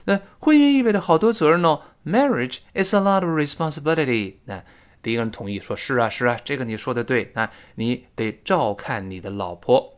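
A man teaching English pronunciation in an audio lesson, his pitch swinging up and down with animated emphasis. He stops often to repeat phrases slowly and clearly into a close mic.

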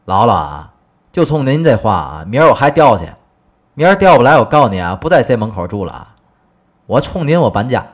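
A man voicing a boastful, loudmouthed middle-aged neighbor, talking in a brash, bragging way. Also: fairly low pitch, very animated, moderate pace, long pauses. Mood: indignant.

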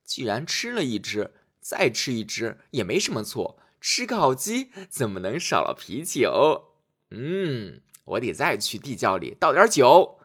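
A man's voice: medium pitch, huge pitch swings, a little slow, fairly bright tone, husky, full character voice. A man voicing a sly, greedy young female cook in a children's fairy tale, playful and scheming. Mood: greedy musing. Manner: playful, whispering when scheming.

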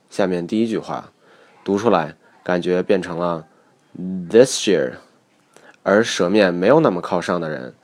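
Deep-voiced male teacher, measured explanatory narration for a recorded lesson. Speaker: English pronunciation teacher.

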